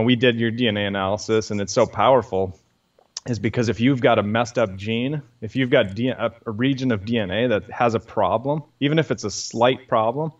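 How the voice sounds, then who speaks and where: A man's voice: on the low side, muffled recording. A man, a scientist guest, explaining things patiently in an interview with many fillers.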